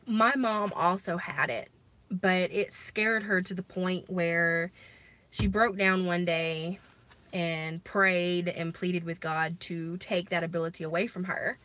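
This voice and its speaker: An American woman chatting casually on a livestream in a halting, conversational way with some emphasis. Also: lowish voice, fairly even intonation, a bit bright, no echo. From lives in Alabama, United States. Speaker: livestream host. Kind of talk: casual livestream chat about personal experiences.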